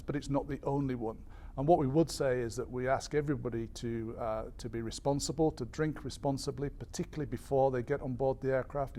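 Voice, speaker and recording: A male spokesperson explains policy in a measured, formal way. His voice sits at an average pitch, and he often pauses on an um or repeats a word as he searches for the next phrase. There is faint noise behind him. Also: a little mellow. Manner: measured, hesitant, with frequent ums and repeated words. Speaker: airline industry association spokesperson. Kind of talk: explanatory briefing to media.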